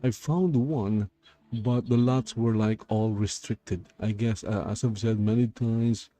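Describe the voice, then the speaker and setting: A man's voice: lowish voice, steady tone, slow pace, warm tone. A man streaming a game through a voice changer, rambling and thinking aloud as he plays. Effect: voice changer shifting his voice. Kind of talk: casual gameplay commentary. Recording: game music playing clearly behind.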